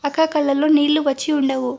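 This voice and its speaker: A woman voicing a cheeky young village man in a storybook, teasing in rustic speech. The voice stays high and flat. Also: quick pace, vocal fry.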